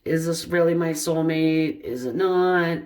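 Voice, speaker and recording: A woman's voice: low voice, unhurried, darkish tone. A woman acting out an indecisive person torn over whether to reach out, second-guessing herself aloud. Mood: dithering.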